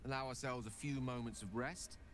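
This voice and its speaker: A man's voice: mid-range voice, fairly even intonation, brisk, a little hiss or hum, natural voice. A man playing a courteous, wordy and slightly showy wizard companion in a video game. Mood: courteous, earnest. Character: genteel, chatty wizard companion, showy and flattering.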